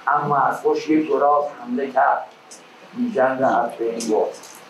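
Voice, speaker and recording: A man telling tales as a traditional epic teahouse storyteller, theatrical, moving between declaimed verse and colloquial prose. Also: mid-range voice. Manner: theatrical, with raised declaimed calls and drawn-out verse. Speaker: traditional Persian storyteller (naqqal). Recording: echoey room with faint background noise.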